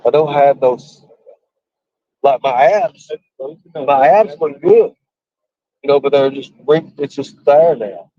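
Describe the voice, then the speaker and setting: A man's voice: mid-range voice, takes it slowly, long pauses, dry recording. Man, rambling repetitive casual talker, muffled dry call audio. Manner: rambling, repeats himself. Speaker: streamer on a call. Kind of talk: casual chat. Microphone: video call.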